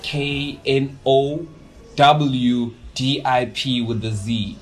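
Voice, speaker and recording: A young man talks as a guest on a podcast in a mid-pitched voice. He is casual and jokey, using plenty of slang and repeating words as he rambles along. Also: little pitch movement, extremely slow, faint music behind.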